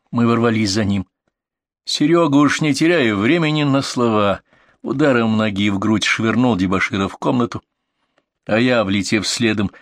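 A man narrates a first-person story in a low, even voice. He keeps a matter-of-fact storyteller's manner. The sound is dry and close, with no room around it. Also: no room sound. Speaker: audiobook reader.

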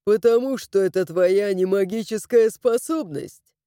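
Woman doing a mocking crow-like dragon, lowered and drawling, dark and mellow, dry storybook read. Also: a little slow, smooth, no room sound, close to an everyday voice. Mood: sardonic. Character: sardonic male dragon like a big crow. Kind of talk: audiobook character voicing.

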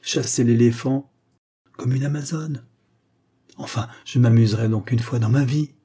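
A man's voice: mid-range voice, fairly even intonation, moderate pace, warm tone, slightly rough, close to an everyday voice. A man reading an audiobook, voicing a spirited, thrill-seeking young woman with breathless, exclamatory enthusiasm. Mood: excited.

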